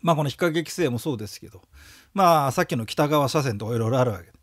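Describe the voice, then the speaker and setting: A man's voice: mid-range voice, expressive, fast, no room sound, studio quality. A man giving a recorded audio lecture for exam prep, talking casually, joking and leading rhythmic memory chants.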